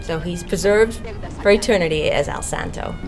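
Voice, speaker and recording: A woman's voice: lowish voice, moderate pace. A woman chatting casually and enthusiastically, as in an informal interview. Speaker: publications coordinator and copy editor, wrestling fan. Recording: music playing behind the voice. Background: music.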